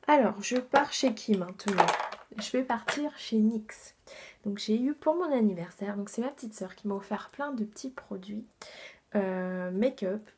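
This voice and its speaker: A beauty vlogger with a medium-pitched, darkish voice reviews her makeup haul at a measured pace, with slight background noise. She's chatty and enthusiastic, full of fillers and asides that drop to a half-whisper.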